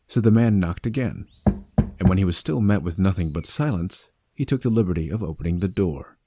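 A male narrator tells a story with a wry, conversational delivery. His voice is deep and mellow, and it is recorded close and dry. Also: breathy edge, dry recording. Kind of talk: scripted audiobook narration.

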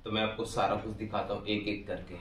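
A man's voice: on the low side, level tone, fairly quick, faint music behind. A young man chatting casually to viewers in an unboxing vlog, recorded on an earbud mic in a small indoor room. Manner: chatty, addresses viewers as guys. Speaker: vlogger. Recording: roomy, far from mic.

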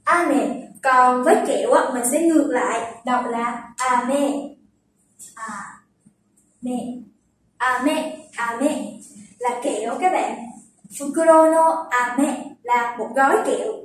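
A young woman teaching Japanese vocabulary, patiently explaining and slowly repeating words to show their pitch accent. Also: slight background noise. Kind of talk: vocabulary lesson. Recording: very echoey room, distant from the mic.

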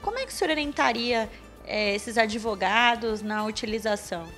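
A woman's voice: on the high side, normal speed, fairly bright tone, soft background music. A young woman interviewing a lawyer in a small office, asking polite, formal questions. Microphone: handheld interview mic.

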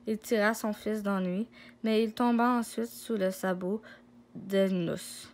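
Slow-reading woman storyteller. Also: mid-range voice, steady tone, darkish tone. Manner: slow, with frequent slips and restarts.

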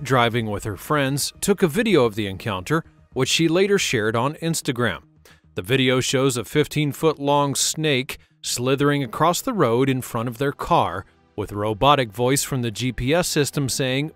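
A man narrating a scripted wildlife countdown, steady with dramatic emphasis, over faint music. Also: mid-range voice, no room sound. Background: faint background music.

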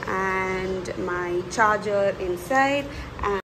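A woman's voice: mid-range voice, extremely slow, a bit bright. Chatty young woman vlogging at home. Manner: chatty and meandering, self-correcting. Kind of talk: casual vlog chat. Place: room at home, indoors. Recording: noisy home recording. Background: clear background noise.

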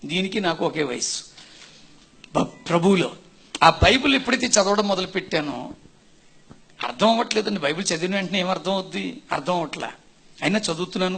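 A man's voice: a little high, gravelly, a bit bright, slightly rough. A man preaching his conversion testimony in an earnest sermon, speaking to listeners directly and rising to emphatic bursts.

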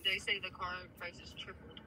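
A woman's voice: lowish voice, little pitch movement, normal speed, pushed and bright, slight background noise, rough recording. A young woman chatting casually inside a car, talkative and complaining about the cold.

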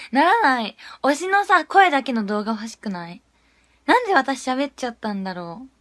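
A young woman chatting casually on a livestream, giggly, swinging between murmured asides and excited squeals. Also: sits high, a little fast, no room sound. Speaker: idol livestreamer.

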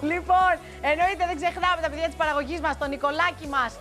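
A woman's voice: extremely high pitch, steady tone, sharp tone, soft background music. A young woman hosting a daytime TV show, chatting playfully to camera and teasing her crew in a studio. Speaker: TV show host. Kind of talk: lively studio chat to camera.

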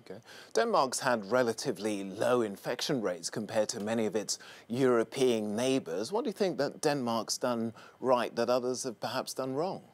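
A man's voice: mid-range voice, moderate pace. Studio news anchor, male, poised and formal, leading a remote interview. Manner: formal, steady questioning. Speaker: news presenter. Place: large newsroom studio.

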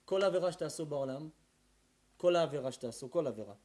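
A man, a rabbi, giving a sermon to a live audience, swinging from quiet talk to emphatic shouting. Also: fairly high pitch, animated.

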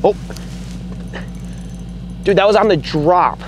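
Young male vlogger, upbeat chatty, slightly high voice, outdoor camera mic, faint wind noise. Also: takes it slowly. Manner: excited, chatty, explains his tackle. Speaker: fishing vlogger. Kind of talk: casual outdoor commentary. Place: outdoors on a frozen lake. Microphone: camera mic on the ice.

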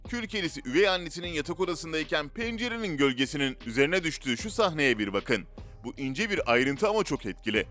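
Fast, very animated, and sharp in tone, a man with a fairly high voice reads scripted narration for a list video. His storytelling is dramatic and rhetorical, set against background music.

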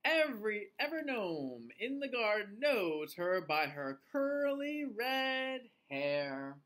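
A man with the manner of a kids show host reads a storybook to young children. His pitch swings widely and he takes his time, stretching words in a sing-song way. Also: very animated, takes it slowly, a bit bright. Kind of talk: animated picture-book read-aloud. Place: small indoor room, seated facing the camera.

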